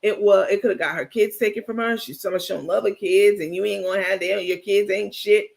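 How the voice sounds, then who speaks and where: A man with a high voice and a gravelly edge hosts a casual live gossip stream. He talks bluntly and animatedly, answering his chat as he goes. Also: fast talker. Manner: animated, talkative, blunt, laughs often. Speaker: livestream host.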